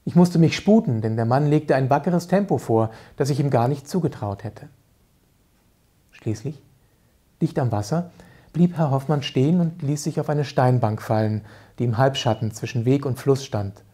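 A man, an author, reads calmly and vividly from a children's book. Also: mid-range voice, normal speed, husky. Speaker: author reading aloud. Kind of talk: reading a children's book aloud.

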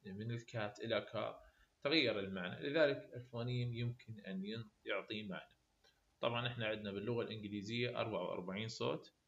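Iraqi guy teaching uni english, explains stuff and reads the english terms real slow, kinda muffled audio. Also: medium pitch, fairly bright tone. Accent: Iraqi Arabic. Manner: explains in Arabic, reads definitions slowly in English. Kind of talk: lecture explaining phonetics definitions.

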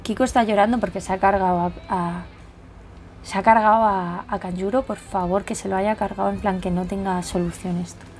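A young woman, reading a manga chapter aloud and reacting with excited exclamations. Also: mid-range voice, slight background noise. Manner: excitable, exclamatory, quick to gasp and laugh.

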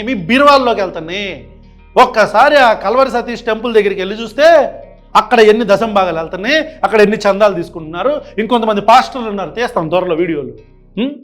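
A man with a very high voice gives reaction commentary full of indignation. He piles up sarcastic rhetorical questions. Faint music plays in the background. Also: fairly bright tone.

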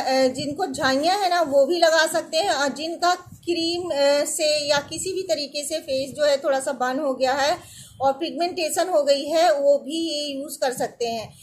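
A woman in her thirties talks casually to her viewers from an indoor room, giving earnest, reassuring skincare advice and often asking if they follow. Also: sits high. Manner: earnest, reassuring, often adds "theek hai na". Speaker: beauty and skincare vlogger.

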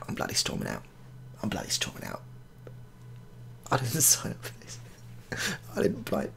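A gaming video creator in his thirties jokes his way through a playthrough, his low, creaky, fairly bright voice swinging up and down in pitch. He mutters, repeats himself and swears mildly in mock exasperation, recorded close in a small room with slight background noise.

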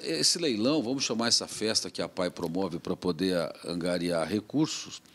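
A man's voice: deep voice, moderate pace. A middle-aged man, hosting a conversational interview and often rephrasing his questions. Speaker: podcast host, interviewer. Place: small podcast studio, indoors. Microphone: tabletop microphone on stand.

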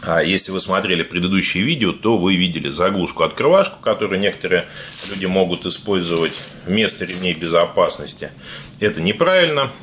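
A man with a speech impediment on his R sounds, giving casual, halting unboxing commentary to viewers as a video blogger. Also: low voice, expressive, fairly bright tone. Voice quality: burr, defective pronunciation of the R sound. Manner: halting, conversational, addresses viewers informally. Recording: clear background noise with clicks.

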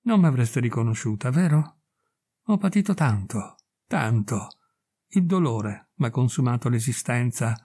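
A man reading a story aloud, voicing an aging woman who speaks gently and tenderly, with hesitant pauses. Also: mid-range voice, animated, breathy edge. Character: aging woman, tender, wistful, once a beloved girl.

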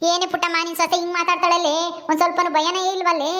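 An older village aunt scolds her relatives and coaxes them to give the maid another chance, as a woman acts her out. Her voice is very high and her talk is brisk. It plays as a village family drama. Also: level tone, sharp tone. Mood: coaxing. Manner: scolding, coaxing.

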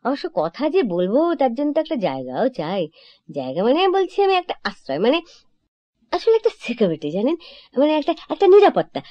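Chatty, lively-voiced young woman actress in a monologue. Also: sits high, brisk, dry recording. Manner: chatty, lively, self-correcting, confiding to listeners. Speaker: actress in a solo stage monologue. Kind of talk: theatrical comic monologue. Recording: dull lo-fi old recording.

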